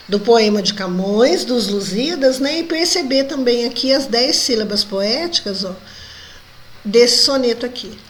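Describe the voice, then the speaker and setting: A woman's voice: a little high, slight background noise. A woman teacher with a Brazilian accent, walking students through a lesson and checking in with tag questions. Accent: Brazilian Portuguese. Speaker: Portuguese language teacher. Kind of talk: recorded online lesson.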